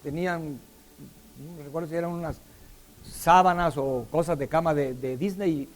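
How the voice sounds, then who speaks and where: A man's voice: on the high side, moderate pace. A middle-aged man preaching a sermon, often putting questions to the congregation. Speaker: pastor.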